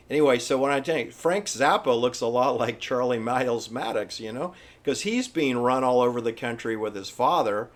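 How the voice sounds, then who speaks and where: A man giving informal, opinionated history commentary in an emphatic, halting, repetitive manner. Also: medium pitch. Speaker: presenter. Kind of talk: informal conspiracy-history commentary over pictures.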